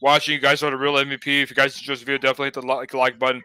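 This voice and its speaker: Bright, crisp-voiced casual stream host. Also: male voice, mid-range voice, level tone, racing. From Los Angeles area. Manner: laid-back, rambling with fillers. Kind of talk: casual live-stream chat.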